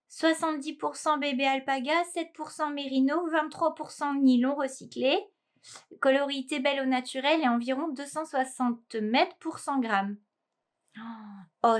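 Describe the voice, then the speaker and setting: A woman vlogging casually about knitting gifts, gushing and exclaiming, often trailing off into soft murmurs. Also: sits high. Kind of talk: casual unboxing chat.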